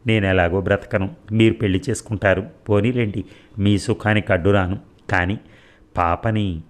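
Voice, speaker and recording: A man reads out a sick young wife, burning with fever and grieving for her little daughter, in a deep, low voice. Her words come weak and pleading, in a slow storybook reading. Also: steady tone, natural voice.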